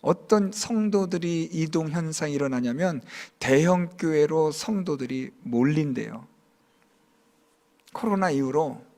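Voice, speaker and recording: A male pastor delivers an emphatic sermon in church and keeps putting rhetorical questions to his congregation. His voice sits high and rises and falls with wide, lively swings. A gravelly rasp runs through it.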